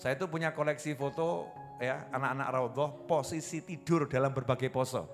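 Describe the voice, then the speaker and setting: A man preaching a humorous sermon to a live gathering, animated and rising to loud emphatic peaks. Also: medium pitch, normal speed, soft background music. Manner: animated, rises to loud emphatic peaks, playful asides to audience.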